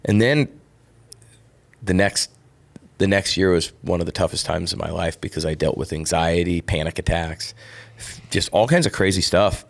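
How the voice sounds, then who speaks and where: Deep-voiced man telling his story. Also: moderate pace, creaky. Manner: earnest storytelling. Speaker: podcast co-host, former football player. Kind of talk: casual chat.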